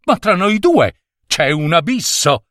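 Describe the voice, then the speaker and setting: A proud, stubborn fairy-tale king, as a male narrator puts him on, speaking in a protesting, indignant tone. The voice sits a little higher than the narration and moves up and down a lot. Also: very animated, takes it slowly, a bit bright, no echo, studio quality, full character voice.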